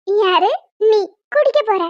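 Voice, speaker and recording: A woman voicing a cheeky younger sister who teases in a drawn-out, mocking way in a cartoon. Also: extremely high pitch, lively intonation, dry recording, exaggerated voice. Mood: teasing. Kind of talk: cartoon voice acting. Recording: dull lo-fi dry recording.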